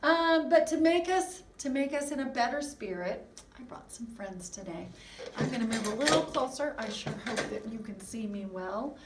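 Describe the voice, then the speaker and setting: A woman music teacher giving an online lesson to first graders, animated and sing-song as she chats with them and brings out puppets. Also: a little high, moderate pace, echoey room, recorded from a distance, noisy background.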